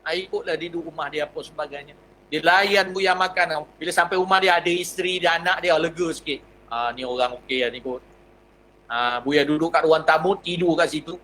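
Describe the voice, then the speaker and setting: A Malaysian man with a Malay accent, a religious teacher telling a personal story in a lively, anecdotal lecture. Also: on the high side, fairly quick, slight background noise, low-quality recording. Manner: lively anecdotal telling, acts out dialogue, chuckles.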